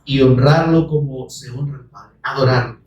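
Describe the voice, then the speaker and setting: A man preaching a sermon, fervent and rising to shouts, calling listeners brother. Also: mid-range voice, steady tone, moderate pace, dull audio. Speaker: pastor. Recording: echoey room, voice from far off the mic.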